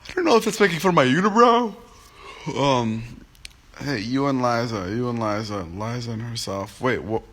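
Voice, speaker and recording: An animated young man in his twenties, with a mid-range, fairly bright voice at normal speed, chats casually on a phone livestream from his home. Though groggy from just waking, he rambles and jokes while replying to viewer comments.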